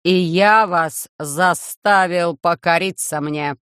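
Storybook robot overlord, loud, harsh and metallic, very slow, clear dry delivery, as a reader puts it on. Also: mid-range voice, no echo. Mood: cold commanding. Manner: slow, loud, measured commands. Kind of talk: audiobook reading.

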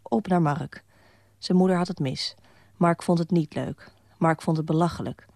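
A woman's voice: sits low, moderate pace, darkish tone, dry recording, clean studio sound. A woman narrating her own radio piece in the first person, wry and matter-of-fact. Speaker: radio columnist.

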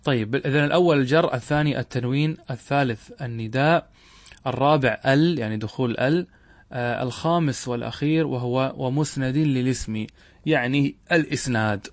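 A man's voice: mid-range voice, no room sound. A middle-aged man teaching classical Arabic grammar, explaining step by step and repeating key points. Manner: measured, repeats key points, asks rhetorical questions. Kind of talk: classroom lesson explaining a text.

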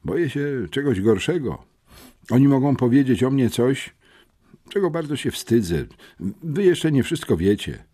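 Casting: a man doing a jittery hungry schoolboy, stammering, husky tone. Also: medium pitch, big pitch swings, unhurried, mellow. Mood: frightened. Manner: stammering, pleading.

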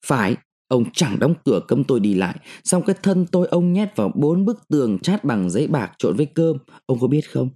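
A male narrator voicing a sharp-tongued, defiant mandarin's wife who scolds and taunts her husband. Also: medium pitch, big pitch swings, fairly quick.

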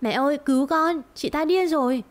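Woman doing a whiny spoiled girl in an audio story, high and shrill, gloaty. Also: animated, normal speed, close to an everyday voice. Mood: shrill panic. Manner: whiny, shrill when scared.

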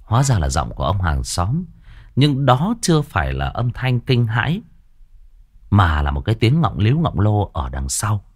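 A man narrating a ghost story with dramatic, animated delivery. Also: lowish voice, normal speed, slightly rough.

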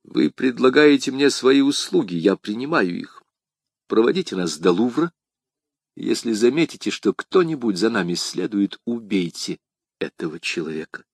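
A man reading the part of a proud foreign nobleman in an audiobook, slow and measured. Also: fairly low pitch, sing-song, no room sound, studio quality. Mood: commanding.

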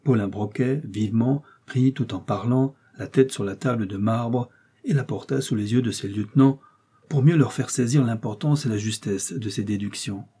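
A man narrating a novel as an audiobook in a steady storytelling manner. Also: medium pitch, moderate pace, slightly rough. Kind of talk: scripted narration.

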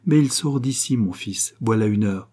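A suspicious old widow, once an innkeeper, speaks in a querulous, pitched-up voice with a dark, husky grain underneath, as a man reading a storybook puts her on. The lines are read aloud in a steady audiobook delivery. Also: moderate pace. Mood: wary.

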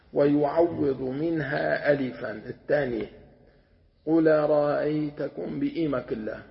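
A man, teaching a religious lesson as a sheikh, patiently explaining and sounding out words slowly with repetition. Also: on the high side, gravelly. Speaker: sheikh teaching Quran commentary. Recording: dull lo-fi lecture recording.

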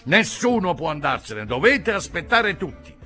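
A man voicing a stern, rule-bound policeman who speaks loudly, slowly and insistently. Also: fairly high pitch, sing-song, soft background music, voice pushed up.

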